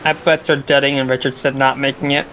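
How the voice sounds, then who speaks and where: A man's voice: medium pitch, level tone, fast, background noise. A man chatting casually in a group voice chat.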